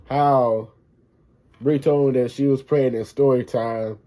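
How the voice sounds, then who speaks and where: A man's voice: medium pitch, fairly even intonation, takes it slowly, warm tone. A young man chatting casually in a vlog, slangy and protective as an expecting father. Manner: laid-back slangy talk, protective. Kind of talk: casual chat.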